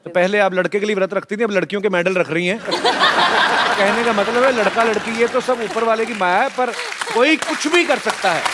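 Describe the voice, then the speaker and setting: Playful high-voiced man hosting. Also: very noisy. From Punjab, India. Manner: playful, teasing storyteller. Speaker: comedy talk show host. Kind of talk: joking anecdotes and interviewing guests. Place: TV studio with a live audience. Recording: reverberant studio with audience murmur.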